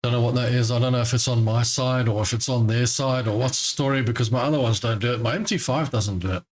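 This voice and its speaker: Born in Scotland and raised in South Africa, this man hosts a casual trading live stream from his home in Cape Town. He's chatty and rambling and laughs often, speaking quickly in a steady, mid-range voice.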